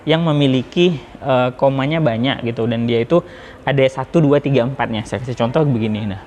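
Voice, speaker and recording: A man talks through a lesson on how to deliver a sermon, in a loose, chatty manner full of fillers and restarts. His voice sits at an ordinary middle pitch. A faint hiss runs underneath. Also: brisk, darkish tone. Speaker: public speaking teacher. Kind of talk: informal lesson on preaching delivery.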